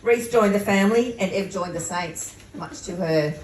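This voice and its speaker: A woman's voice: mid-range voice, moderate pace, a crowd in the background. A woman, mother of the bride, giving a heartfelt prepared wedding speech. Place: wedding reception room. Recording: echoey hall, mic far off.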